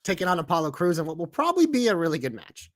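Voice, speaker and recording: Bright, high-voiced podcast co-host man. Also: wildly swooping pitch, no room sound, clean studio sound. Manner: crude, enthusiastic, fast banter. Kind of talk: casual wrestling chat.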